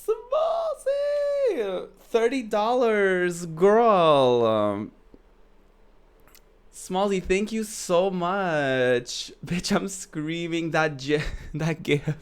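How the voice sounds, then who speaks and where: A man's voice: high voice, big pitch swings, extremely slow, smooth. A man streaming a game through a voice changer, chatting casually and campily with his viewers. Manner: chatty, campy, playful. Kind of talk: casual live-stream commentary.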